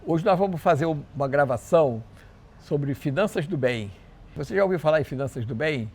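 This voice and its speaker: A man hosts a casual interview with a voice pitched a little higher than most men's. He is friendly and chatty, and he stumbles and restarts his questions as he goes. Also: lively intonation, a little fast, a little mellow, husky. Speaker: interviewer, show host.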